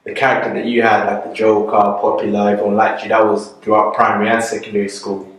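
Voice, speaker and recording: Low-voiced man interviewing in an echoey street. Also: level tone, fast talker, fairly bright tone. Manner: laid-back, short affirmations. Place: outdoors on a street. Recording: echoey, from far off.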